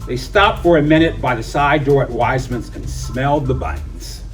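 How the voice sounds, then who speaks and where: A storybook reader narrates a children's story aloud with plenty of expression, in a mid-range voice at a moderate pace. The mic sounds distant, and music plays behind him.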